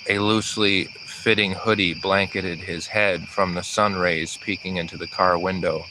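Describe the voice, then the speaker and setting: A man with a very deep voice narrates an audiobook, reading at a steady, even pace. Crickets and insects chirp clearly behind him, as if he were recording outdoors. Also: normal speed, noisy background.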